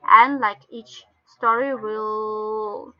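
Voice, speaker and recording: A woman with a Russian accent explains things step by step in halting non-native English, like an informal online training session. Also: medium pitch, fairly even intonation. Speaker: webinar presenter. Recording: dull lo-fi webinar call audio.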